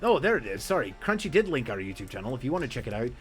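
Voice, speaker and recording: Young male streamer, punny and animated, bright tone, game music under. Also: medium pitch, very fast. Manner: jokey, laughs at his own puns. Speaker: streamer co-host. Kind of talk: casual gaming stream chat.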